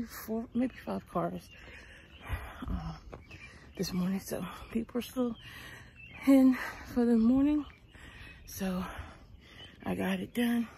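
A middle-aged woman vlogs while walking outside before dawn, sounding tired and chatty and trailing off with ums. Her mid-range voice is warm with vocal fry, and a little hiss or hum comes through, since she records on wireless earbuds with her phone held at arm's length.

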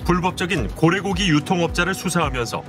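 A man narrating an investigative documentary in a measured, serious tone. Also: a little high, animated. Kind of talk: scripted narration. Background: music.

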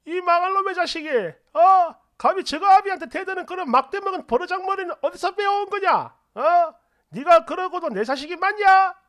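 A stubborn old grandfather past ninety rages at his children, played by a man. He bellows and scolds in a strained, very high voice that leaps up and down. It is a shouted part in a narrated family story. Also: expressive, moderate pace. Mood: enraged scolding.

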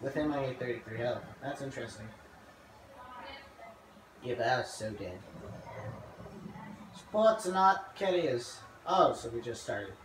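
A man casually commenting on his own gameplay, chatty and self-deprecating, with excitable reactions. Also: medium pitch, measured pace, a little hiss or hum. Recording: echoey, distant mic with loud game music.

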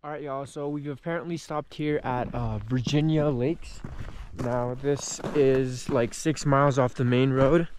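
A man's voice: medium pitch, steady tone, a little slow, loud music behind the voice. Laid-back man vlogging a road trip. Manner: laid-back, addresses viewers as y'all. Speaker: travel vlogger. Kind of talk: casual chat to camera. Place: outdoors on a mountain road trip and in a car.

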